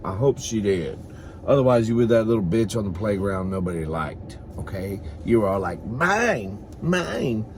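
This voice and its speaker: There's a little hiss or hum behind this mid-range, darkish male voice. He's the host of a comedy mukbang, chatting casually and comically to the camera as he eats, with a campy, sassy, bawdy manner that includes calling people "girl" and "honey" and swearing without restraint.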